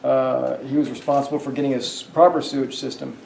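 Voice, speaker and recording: A man's voice: medium pitch, flat delivery, fairly quick, vocal fry, a little mellow, distant mic, slight background noise. A man guiding a ghost tour through a hotel, telling stories in a rambling way with many fillers and restarts. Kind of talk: guided tour storytelling. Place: hotel hallway. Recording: echoey hallway, voice off-mic.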